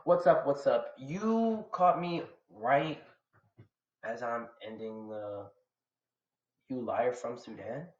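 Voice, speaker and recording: A man's voice: mid-range voice, slow, pauses often. A young man from Atlanta in the US, streaming live and chatting casually with his viewers in a slangy, rambling way. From Atlanta, USA. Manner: slangy, rambling and chatty, talks back to chat. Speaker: live streamer reacting to manga. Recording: roomy, slightly dull home setup.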